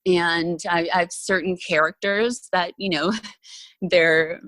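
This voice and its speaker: A woman speaks as a podcast guest in an easy, open, chatty way, often stopping for fillers. Her voice sits on the low side for a woman. The recording is dry and close, with no room sound. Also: steady tone, slow pace, fairly bright tone, no echo. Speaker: podcast guest, actress and former TV reporter. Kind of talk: casual interview conversation.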